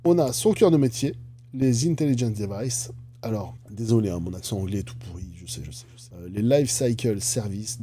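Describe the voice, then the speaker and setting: Chatty man with a mellow voice. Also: on the low side, a little hiss or hum. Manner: chatty, jokey asides. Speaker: stock analysis YouTuber. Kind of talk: casual finance commentary.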